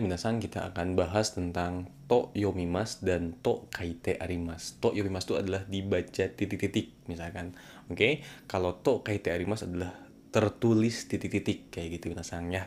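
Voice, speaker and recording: A man teaching a casual language lesson, playful, jumping his voice up to act out rough commands and trailing off softly at phrase ends. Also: deep voice, slight background noise.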